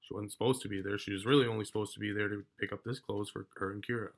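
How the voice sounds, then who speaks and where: A man telling a story from his own life in a casual, rambling way, swearing often and getting loud as he relives an argument. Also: lowish voice, fairly even intonation, rapid-fire. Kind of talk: casual personal account.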